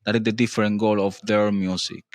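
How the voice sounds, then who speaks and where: A man with a Colombian accent, a native Spanish speaker, interpreting in simple English with halting non-native phrasing. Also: lowish voice, little pitch movement, dry recording, clean studio sound.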